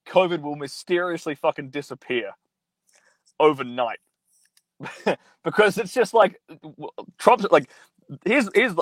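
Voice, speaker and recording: This young male streamer has a fairly high, fairly bright voice and reads viewer comments in a crude, blunt, profane ramble packed with fillers. His mobile phone mic makes the recording very dry and close.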